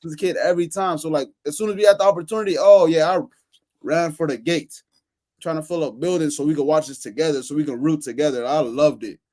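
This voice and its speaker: Fast-talking excited man telling stories. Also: fairly high pitch. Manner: excited, rapid storytelling with many restarts and fillers. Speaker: podcast panelist. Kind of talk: casual chat.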